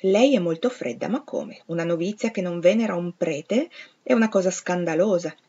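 Woman reading as a commanding middle-aged gentleman, curt, imperious, lowish voice, dull lo-fi sound. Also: normal speed, slightly rough. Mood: probing. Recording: slightly dull lo-fi recording.

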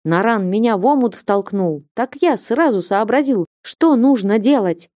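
A woman voicing a boy who swings from eager chatter to outraged shouting, in a high voice for an audiobook. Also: animated, unhurried, no echo, studio quality. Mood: excited. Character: excitable boy, then furious anguished teen.

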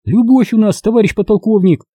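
A man voicing a small, stubborn eighteen-year-old female army interpreter in a squeaky, high, insistent voice. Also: wildly swooping pitch, normal speed, mellow, breathy edge, no echo, heavily acted. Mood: pleading, insistent.

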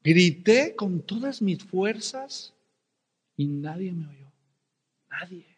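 Dramatic preacher in a reverberant hall. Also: male voice, high-pitched. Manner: dramatic storyteller, shouting and whispering for effect. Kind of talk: sermon with personal story.

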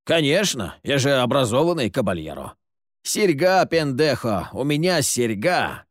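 A man's voice: mid-range voice, big pitch swings, measured pace, dry recording, clean studio sound. A man voicing a brash, wisecracking gunslinging man who swears and argues, in an audiobook. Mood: cocky. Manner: cocky, swears, quarrelsome.

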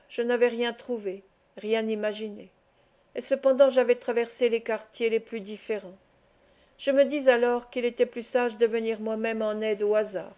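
A woman narrating a classic novel as an audiobook reader, calm and measured. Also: a little high.

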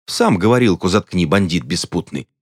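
A man voicing a sharp-tongued, gossipy woman who snaps back and boasts. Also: deep voice, lively intonation, moderate pace, slightly rough, no room sound, clean studio sound, exaggerated voice. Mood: snapping. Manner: snappy, boastful.

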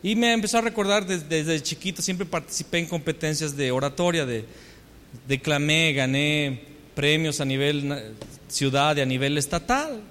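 A man's voice: fairly high pitch, normal speed, a bit bright, a little hiss or hum. A man with a Mexican accent preaching a storytelling sermon, full of rhetorical questions and self-mocking humor. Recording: long hall reverb.

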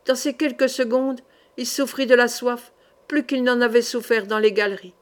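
Woman narrating with measured drama. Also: on the high side, steady tone. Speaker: audiobook reader. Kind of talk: scripted narration of a historical novel.

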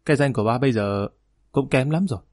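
A man's voice: mid-range voice, a little mellow, dry recording, studio quality, close to an everyday voice. A man voicing a defiant, sulky grown son arguing back at his father in an audiobook reading. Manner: defiant, rapid, whining. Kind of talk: audiobook narration.

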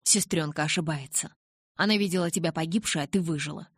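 A woman voicing a gentle, restrained young male vampire in an audiobook, speaking calmly and softly. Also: sits low, fast talker, breathy edge, no echo, studio quality.

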